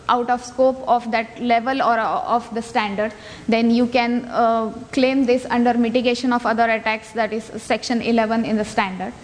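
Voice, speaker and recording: Woman presenting in an echoey hall. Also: a little high. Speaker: conference speaker. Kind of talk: explanatory technical presentation. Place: large indoor conference room. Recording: echoey hall, noticeable background noise.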